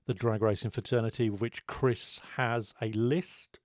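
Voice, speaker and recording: A man's voice: medium pitch, fairly even intonation, measured pace, no room sound, studio quality. A man with a British accent hosting a podcast in casual, conversational chat. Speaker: podcast host.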